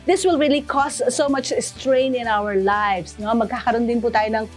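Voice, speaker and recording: Filipino woman pastor, high voice, conversational sermon with "you know" tags, soft music under. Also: normal speed. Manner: code-switches, many "you know" and "no?" tags. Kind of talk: devotional sermon broadcast.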